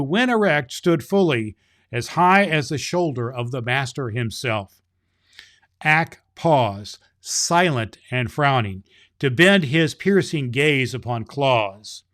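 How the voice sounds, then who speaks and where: A man playing a jolly, kindly Santa Claus, hosting a children's show and reading stories in an expressive, folksy way. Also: medium pitch. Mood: measured storytelling.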